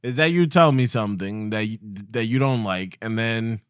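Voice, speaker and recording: A man's voice: on the low side, lively intonation, moderate pace, clean tone, no room sound, studio quality. A man with a Dominican accent, co-hosting a podcast in casual chat that mixes English and Spanish, blunt and joking. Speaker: podcast co-host.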